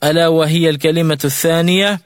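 A man teaching Quran recitation rules in a radio lesson, explaining each rule clearly and reciting examples slowly and melodically. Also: fairly high pitch, steady tone, no room sound, clean studio sound, in a large hall.

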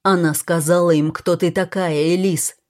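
A woman's voice: fairly low pitch, moderate pace, darkish tone, natural voice. A woman voicing an angry, protective man who speaks in a stern, clipped way in a storybook reading.

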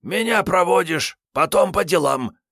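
A man voicing a hungover, boorish male vagrant gunman with a drink-roughened voice, grumbling and rude. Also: high-pitched, expressive, measured pace, bright, forceful tone, no echo, studio quality, pitched above the performer's own voice, heavily acted. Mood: pushy, wheedling. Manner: rude, grumbling, self-pitying. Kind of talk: audiobook character voice.

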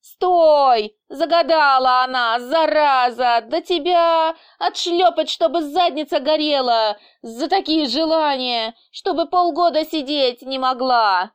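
A woman's voice: high-pitched, normal speed, no room sound, pitched above the performer's own voice, lightly acted. A woman reading an audiobook voices an irritable male boss who huffs, grumbles and bursts into indignant swearing. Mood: furious. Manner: indignant, huffing, swearing outbursts. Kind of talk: audiobook character voice.

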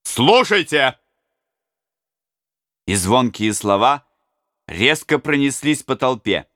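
A male narrator reading a historical adventure slowly and dramatically. His voice is bright and forceful, rising and falling widely through each sentence. The sound is dry and close, with no room around it. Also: lowish voice, clear, resonant tone, no room sound. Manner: dramatic, expressive. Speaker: audiobook narrator. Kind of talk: scripted narration.

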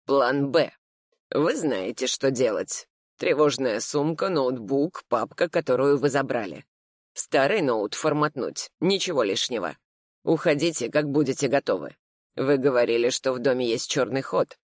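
A reader voicing a composed middle-aged male lawyer who gives clear, steely instructions. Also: medium pitch, animated, no room sound, studio quality, natural voice. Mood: commanding. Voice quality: measured, steely.

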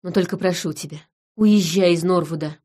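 Женщина озвучивает угрюмого мужчину-чудовище. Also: female voice, on the low side, moderate pace, dark tone, close to an everyday voice. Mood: weary. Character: gruff man, brooding forest monster lord. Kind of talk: audiobook reading.

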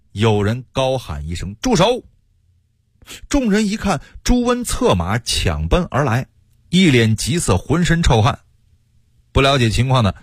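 Brief: male radio storyteller, husky voice, dry close studio sound, playful asides. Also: mid-range voice, no room sound. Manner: lively, jokey asides. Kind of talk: storytelling history narration for radio.

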